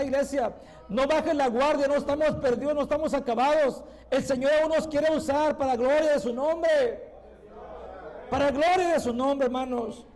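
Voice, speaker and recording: A male pastor delivers a fervent, pleading sermon in a very high voice. His tone carries a rough, gravelly edge, and he repeats his lines, moving between loud calls to the church and hushed, low passages. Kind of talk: fervent Spanish-language sermon.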